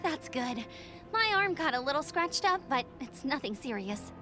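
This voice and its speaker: A woman voicing an energetic, caring young female scout in a video game. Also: sits high, moderate pace. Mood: concerned. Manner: lively and concerned for others. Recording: game cutscene with music score. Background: game music.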